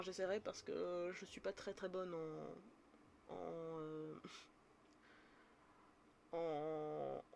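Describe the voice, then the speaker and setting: A woman's voice: on the low side, gravelly, darkish tone, slight background noise. A woman streamer casually explaining tabletop role-playing in a rambling, self-correcting way.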